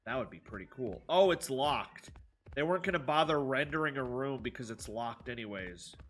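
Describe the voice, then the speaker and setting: A man with a stuffed-up nose streams a game live, reading chat and bantering sarcastically with viewers as he plays. His voice is medium-pitched and fairly bright, with lively intonation at a moderate pace, and he rambles freely.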